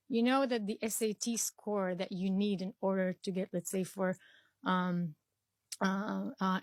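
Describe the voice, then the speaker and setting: Here the young Arabic-speaking woman from Israel talks at a medium pitch with no echo. As an interview guest, she answers earnestly while frequently restarting and filling pauses.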